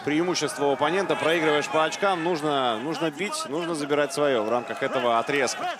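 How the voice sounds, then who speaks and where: A man's voice: fairly high pitch, fairly quick, very noisy. A man giving analytical live commentary as co-commentator on a mixed martial arts fight. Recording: very loud crowd and music behind. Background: roaring crowd and arena music.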